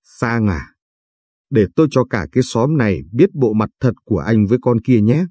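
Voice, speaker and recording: A man's voice: medium pitch, animated, normal speed, husky, no echo. A man voicing a furious, heartbroken young wife who hurls accusations at her husband. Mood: enraged. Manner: shouting accusations.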